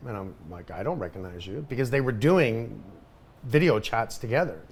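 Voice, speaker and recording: A man's voice: medium pitch, normal speed, breathy edge. Middle-aged male podcast host, casual storyteller, emphatic and repetitive. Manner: animated, emphatic, repeats himself.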